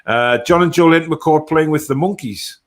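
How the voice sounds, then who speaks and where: A man's voice: a little high, brisk. A man hosting a casual football fan chat, reading out viewer comments and answering them in a blunt, matter-of-fact way. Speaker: host of a football fan live stream.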